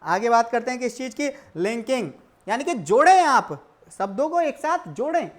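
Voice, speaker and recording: A man teaching a lecture for exam prep, in a lively style, who asks questions and answers them himself and keeps calling his students brother and kids. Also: very high voice. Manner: stretches English definitions out slowly.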